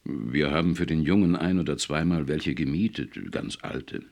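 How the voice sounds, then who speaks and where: A man voicing a broad-shouldered working father who talks plainly and gruffly. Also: rumbling low, normal speed, darkish tone.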